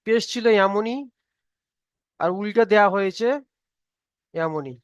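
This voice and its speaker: A man's voice: sits high, unhurried, clean tone, no echo, muffled recording. A man teaching Quran reading in an online class, patient and repetitive, often checking that students follow. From Bengal. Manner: patient, repeats each point and checks understanding.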